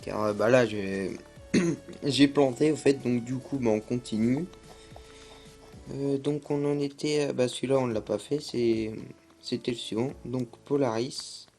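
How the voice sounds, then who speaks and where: A young man chats over his gameplay, hesitant and full of fillers. His voice sits at an ordinary middle pitch. Soft music plays faintly underneath. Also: unhurried. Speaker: gaming YouTuber. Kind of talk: casual gameplay commentary.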